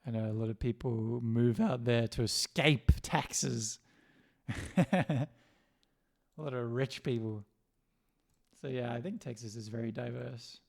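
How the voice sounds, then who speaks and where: A man's voice: mid-range voice, takes it slowly, vocal fry, pauses often, darkish tone. A man hosting a livestream, chatting casually and rambling between jokes. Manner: rambling, joking, laughs often. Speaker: livestream host.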